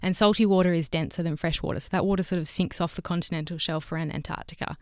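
A woman's voice: lowish voice, fairly even intonation, fast talker, darkish tone, dry recording, clean studio sound. A young woman, explaining science informally as an interview guest. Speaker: guest scientist, PhD candidate and fellow show host. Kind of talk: spontaneous explanatory interview talk.

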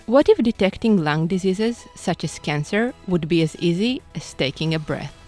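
A woman hosting a science radio show, presenting and asking questions in a bright, curious way. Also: lowish voice, lively intonation, normal speed, soft background music. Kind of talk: scripted intro and interview questions.

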